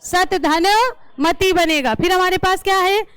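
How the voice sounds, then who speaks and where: A woman's voice: very high voice, fairly even intonation, a bit bright, no room sound. A woman teacher taking a class through a grammar lesson, asking questions and repeating the answers. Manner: slow, drilling questions and answers.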